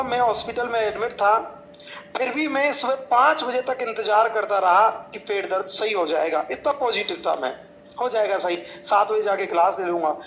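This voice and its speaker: A man's voice: high-pitched, a bit bright, echoey room, a little hiss or hum, poor audio. A young man, a coaching teacher, telling chatty, jokey anecdotes full of quoted dialogue to motivate his students.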